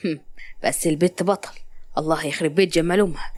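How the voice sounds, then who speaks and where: Woman doing a gruff brash Sa'idi young man. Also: low voice, steady tone, fast talker, a little mellow, pitched below the performer's own voice. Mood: muttering. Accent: Upper Egyptian (Sa'idi). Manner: gruff, scolding, mutters to himself.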